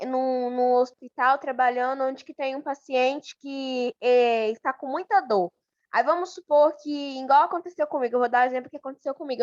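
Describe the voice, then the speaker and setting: A woman, a nursing student asking her teacher a question in an online class, speaking haltingly and sharing a personal example. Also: high-pitched, no room sound, muffled recording.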